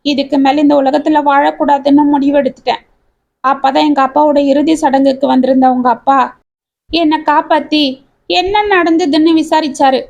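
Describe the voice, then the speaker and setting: A woman's voice: sits high, fairly even intonation, normal speed, creaky, darkish tone, lo-fi sound. A woman voicing a grieving middle-aged widowed mother who tells her story in a heartfelt, pleading way. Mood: sorrowful confession. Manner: heartfelt confessional telling.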